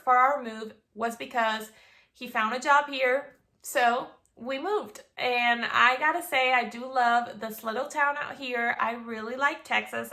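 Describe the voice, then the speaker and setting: A woman's voice: fairly high pitch, gravelly, sharp tone. A woman in her twenties from Venezuela, chatting casually to camera as a vlogger, bubbly with playful asides. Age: 20s.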